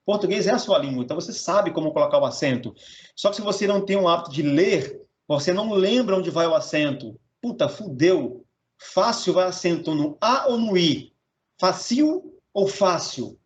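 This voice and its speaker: A man's voice: high voice, lively intonation, moderate pace. A man teaching Portuguese in a casual, blunt lesson, swearing and joking as he talks. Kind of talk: informal recorded lesson. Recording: dull, muffled audio.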